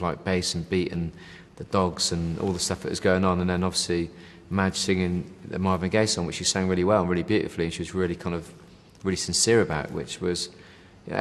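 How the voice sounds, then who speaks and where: A man whose voice sits low is heard in a large hall. He's a band member chatting casually in an interview, rambling with lots of fillers and saying "you know" and, now and then, "mate".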